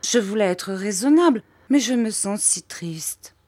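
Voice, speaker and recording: A woman doing a high, whining young mother. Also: expressive, unhurried, mellow, no echo, clean studio sound. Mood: petulant pleading. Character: young fretful mother, petulant and weepy.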